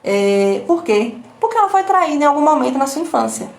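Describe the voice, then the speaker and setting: A woman with a Brazilian accent teaches in an explanatory, repetitive way. She keeps asking rhetorical questions and tagging her sentences to check in with her listeners. Her fairly high voice carries a roomy echo. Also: big pitch swings, brisk. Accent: Brazilian Portuguese. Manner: rhetorical questions with frequent tag questions. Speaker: emotional intelligence coach. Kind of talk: live talk to an audience.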